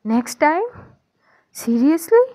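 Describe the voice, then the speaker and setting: A woman voicing an emotional young woman who is a tearful, excitable new parent, in a high, eager voice. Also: a little slow. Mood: upset.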